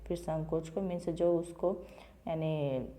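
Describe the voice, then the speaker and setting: Woman teacher, reads a story aloud then explains each line, lowish voice, mellow and relaxed tone. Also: takes it slowly. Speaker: school teacher. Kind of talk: reading a Hindi textbook lesson aloud and explaining it to children.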